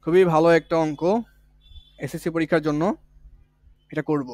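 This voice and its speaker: A man's voice: on the high side, little pitch movement, normal speed, darkish tone, no echo. A man teaching physics in for exam prep, explaining step by step and repeating the key points in a casual, colloquial way. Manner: colloquial, with village words. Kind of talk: online exam-prep lesson.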